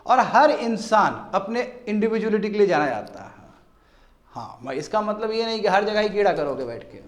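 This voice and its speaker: Guy teaching a class, higher voice, keeps throwing questions at students, echoey room. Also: normal speed. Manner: animated, asks students rhetorical questions. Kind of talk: classroom lecture.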